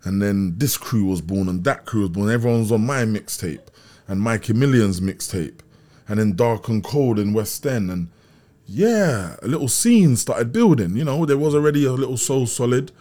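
Medium in pitch, moderately paced and mellow, this man's voice has a lively intonation. As an interview guest from Brixton, south London, he swaps casual stories in a South London accent, leaning on street slang and often confirming he's understood.

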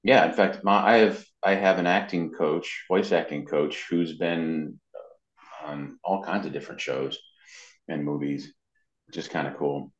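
In an echoey, dull, roomy recording, a middle-aged man with a rumbling low voice tells stories at a measured pace and fairly even intonation. An amateur voice actor, he chats casually as an interviewee and performs quoted lines.

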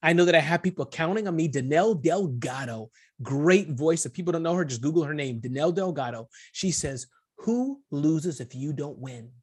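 Husky, animated male podcast guest. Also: fairly high pitch, brisk. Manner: animated, self-deprecating, lots of restarts. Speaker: guest entrepreneur. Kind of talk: casual podcast interview.

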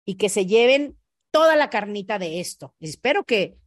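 Her mid-range voice comes through clean studio sound with no echo as this Mexican-accented woman hosts a motivational podcast. Lively and direct, she plays out small scenarios through rapid changes of voice and keeps checking in with "¿ok?"

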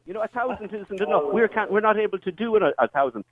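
This is a man with a west of Ireland accent calling in to a radio debate on a thin phone line. He talks fast and argues insistently, with a lively swing in his pitch. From County Mayo, Ireland. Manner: insistent, argumentative. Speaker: radio phone-in caller, creche owner.

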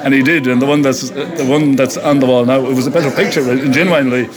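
A man's voice: medium pitch, steady tone, fast talker. A man telling a casual anecdote in an informal, chuckling way. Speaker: bar owner, interviewee. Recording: busy crowd chatter behind. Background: crowd chatter.

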